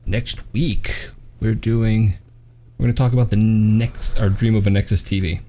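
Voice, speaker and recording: A man's voice: lowish voice, fairly even intonation, normal speed, mellow. A man hosting a live tech chat show, talking casually and teasing his co-host in joking banter.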